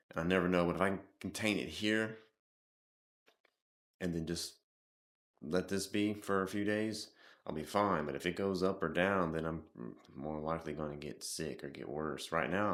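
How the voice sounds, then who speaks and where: A man with a sore throat talking casually to camera in a rambling, halting vlog full of restarts and fillers. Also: sits low, a bit bright. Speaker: vlogger.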